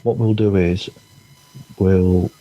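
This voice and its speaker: Low-voiced man hosting a podcast. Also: fairly even intonation, slow, muffled recording. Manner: chatty, stammering restarts. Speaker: podcast host. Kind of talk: casual chat over a video call. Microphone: headset.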